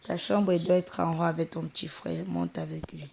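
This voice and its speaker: A woman voicing a calm, slightly bossy rich mother. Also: low-pitched, a little fast, gravelly, slight background noise. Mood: firm.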